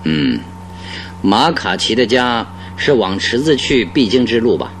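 An actor playing Sherlock Holmes as a composed, analytical detective in a radio drama, speaking deliberately and with authority. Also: male voice, medium pitch, big pitch swings, fairly bright tone, a little hiss or hum. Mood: inquiring, brisk. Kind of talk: Mandarin radio drama acting.

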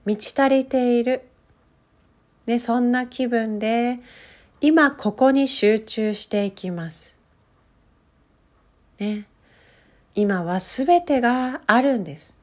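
A woman leads a guided breathing meditation as a relaxation coach. Her voice sits slightly high and moves very slowly. She gives gentle, soothing instructions, stretching out her phrases.

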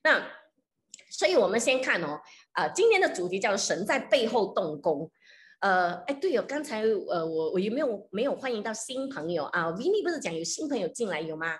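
A woman's voice: medium pitch, very animated, fairly quick, slight background noise. A woman pastor preaching and telling a story in a conversational way, with many fillers and some English phrases mixed in. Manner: frequent hesitation fillers. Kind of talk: sermon with storytelling.

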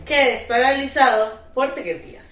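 A Costa Rican woman in her twenties telling a story in casual chat, animated and slangy, acting out her own shouts. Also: sits high, measured pace, reverberant, distant mic, a little hiss or hum. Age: 20s.

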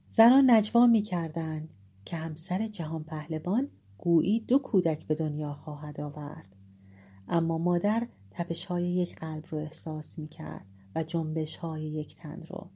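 A woman narrating an epic tale in a measured, dramatic storytelling manner. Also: low voice, dark tone, a little hiss or hum. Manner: measured, dramatic, shifting pace for suspense.

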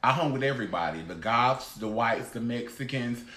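A man's voice: mid-range voice, lively intonation, normal speed, a bit bright. A man in his thirties hosting a casual podcast roundtable, blunt and emphatic, swearing freely. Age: 30s. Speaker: podcast host. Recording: echoey room with faint noise.

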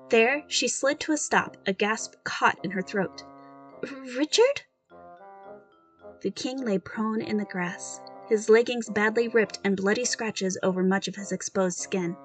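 A woman narrating a story she wrote, casual and self-deprecating in her asides. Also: medium pitch. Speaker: storyteller and author.

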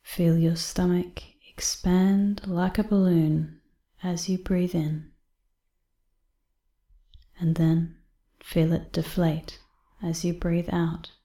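A woman reading a guided breathing exercise in a soft, calm voice that often drops to a half-whisper. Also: fairly low pitch, slow, long pauses, echoey room. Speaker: meditation guide.

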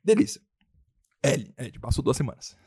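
A man telling a story in casual chat, animated and excitable, swearing and acting out what people said. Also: medium pitch, normal speed, breathy edge. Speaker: podcast co-host.

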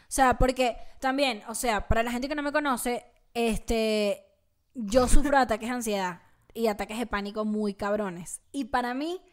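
Young Venezuelan woman, co-host, high voice, lively slangy chatter. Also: moderate pace. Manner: animated, slangy, laughs often. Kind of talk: casual chat.

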